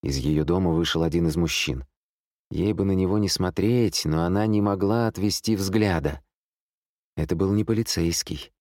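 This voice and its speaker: A man narrating a thriller audiobook in a calm, measured, suspenseful manner. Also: sits low, no room sound, clean studio sound.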